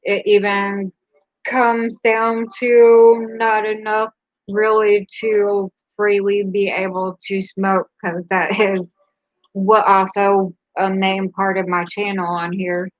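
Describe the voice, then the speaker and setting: A woman's voice: medium pitch, level tone, slow, no room sound, muffled recording. A woman hosting a casual live stream, speaking candidly and rambling a little, with a laugh between her thoughts. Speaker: livestream host.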